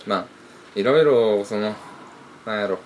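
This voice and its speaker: A young man in his twenties with a Kansai accent, co-hosting a casual podcast chat with quick, jokey comebacks. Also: fairly low pitch, a little hiss or hum, poor audio. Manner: jokey back-channeling, quick deadpan quips. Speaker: podcast co-host.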